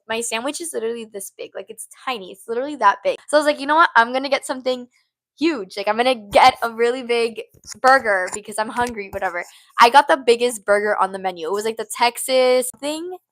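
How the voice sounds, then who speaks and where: A woman's voice: on the high side, bright, forceful tone. A young woman in her twenties hosting a casual podcast-style livestream, rambling and giggly, saying "like" often into a small mini mic at home. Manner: bubbly, rambling, giggly, says "like" a lot. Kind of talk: casual chat with live comments. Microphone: small handheld mini mic.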